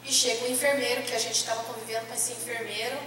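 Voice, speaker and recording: A woman's voice: on the high side, little pitch movement, quick pace, background noise. A Brazilian woman giving an emotional church testimony, telling her story with feeling and acting out the dialogue of the people in it, heard from a distant microphone. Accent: Brazilian Portuguese. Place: church hall, indoors. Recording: echoey church hall from far off.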